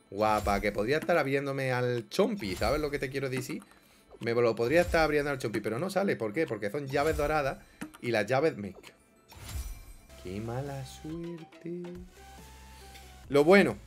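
A young man doing casual gameplay commentary, swinging grumbling mutters to excited yelps. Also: mid-range voice. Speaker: gaming YouTuber.

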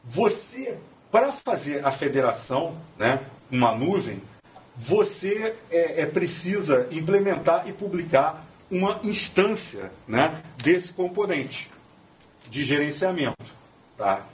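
This conference presenter, whose accent is Brazilian Portuguese, gives a hesitant technical presentation full of restarts and filler words. He talks slowly in a fairly high voice with big pitch swings, and a distant auditorium mic picks up slight background noise.

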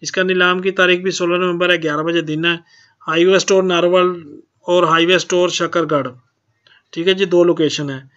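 A man's voice: high voice, fairly even intonation, moderate pace, a bit bright, lo-fi sound. A man hosting his own channel, plainly reading out auction notices and tacking a polite "ji" onto most sentences. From Pakistan. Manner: plain, repeats "ji" often. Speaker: channel host.

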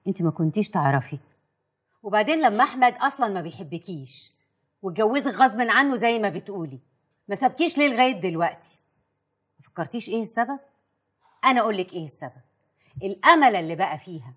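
An actress playing a coaxing, manipulative confidante with a husky voice and an Egyptian Arabic accent. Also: female voice, mid-range voice, big pitch swings, fast talker, pauses often, a bit bright. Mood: persuasive.

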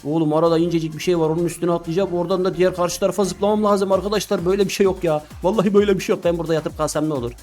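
A man gives excited gameplay commentary at a quick clip. His voice sits fairly high, he exclaims and laughs often, and music plays faintly behind him. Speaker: gaming YouTuber.

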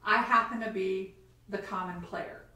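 A woman's voice: medium pitch, a little slow, sharp tone. A woman who runs tabletop games, chatting casually at a tea table and laughing often as she tells stories. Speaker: game master and show host. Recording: very echoey room, mic far off.

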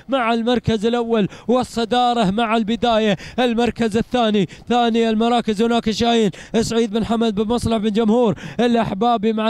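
A man with an Emirati accent calls a race live in a very high, clear voice. He talks fast and stays excited, firing off repeated phrases in chanting bursts. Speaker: camel race commentator.

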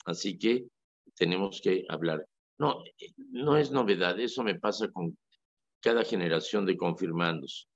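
Hombre con acento mexicano, charla radial animada, voz áspera con fry, sonido seco de estudio. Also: male voice, deep voice, a little slow, dry recording. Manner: animated, emphatic, storytelling. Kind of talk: casual radio talk. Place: radio studio. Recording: dry lo-fi radio audio.

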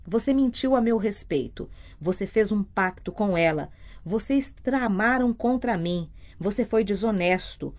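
A woman voicing a raspy, menacing possessed thing in a father's body, threatening and faltering, in an audiobook. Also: medium pitch, lively intonation, a little slow, a little mellow, close to an everyday voice.

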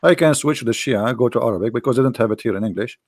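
Hosting an online debate, a man from the Middle East insistently presses rhetorical questions though he is hoarse and losing his voice. He has a mid-range voice, a quick pace, and the recording is dry.

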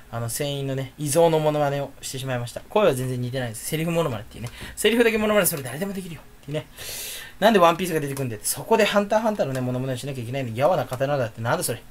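A man's voice: fairly high pitch, a little hiss or hum. A man talking casually to camera about a new gadget he bought, rambling and joking to himself. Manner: rambling, jokey, talks to himself. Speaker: video creator. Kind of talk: casual unboxing chat to camera.

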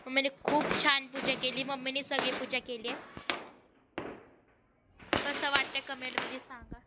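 High-voiced young woman presenting, noisy background. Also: level tone, moderate pace. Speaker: daughter, co-vlogger. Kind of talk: casual vlog narration to camera. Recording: loud background noise.

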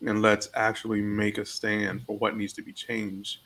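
A man co-hosting a discussion podcast, talking in an animated, opinionated way with joking asides. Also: fairly low pitch, moderate pace, poor audio. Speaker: podcast co-host.

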